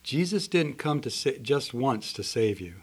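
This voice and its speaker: Husky-voiced male preacher. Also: mid-range voice, big pitch swings, a little slow. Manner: earnest storytelling with voiced characters. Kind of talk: sermon.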